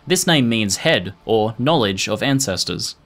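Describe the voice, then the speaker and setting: A man reading scripted video narration in a measured, informative manner. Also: fairly low pitch, lively intonation, a bit bright. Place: voice-over recording. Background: music.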